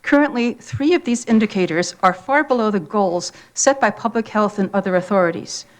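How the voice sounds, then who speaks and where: A woman resident giving a prepared public comment at a hearing, measured and formal. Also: mid-range voice.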